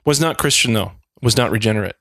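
A man's voice: fairly low pitch, expressive, fast talker, fairly bright tone, dry recording, clean studio sound. A man in his thirties from Wisconsin, co-hosting a podcast in casual, rambling chat with self-deprecating jokes. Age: 30s. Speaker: podcast co-host.

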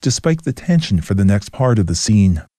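A man giving a scripted, steady story narration. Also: on the low side, moderate pace, dry recording.

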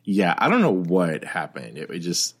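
Man, lowish voice, easygoing co-host chatter. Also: normal speed, breathy edge. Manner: relaxed, frequent backchannel agreement. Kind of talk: casual podcast chat.

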